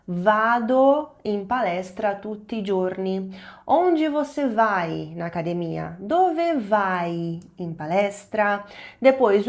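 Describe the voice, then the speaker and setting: A woman in her twenties from Brazil, teaching an online language lesson and slowing down to stress each example phrase. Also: a little high, a little mellow. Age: 20s.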